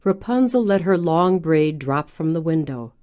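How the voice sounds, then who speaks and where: A woman narrating a children's storybook in a gentle, even storytelling manner. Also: deep voice, normal speed.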